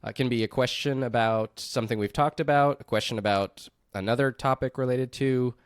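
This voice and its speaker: Man co-hosting a relaxed podcast chat. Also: mid-range voice, fairly quick, clear, resonant tone, dry recording, studio quality. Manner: relaxed, laughs often, leads the talk. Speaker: podcast co-host. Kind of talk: casual chat.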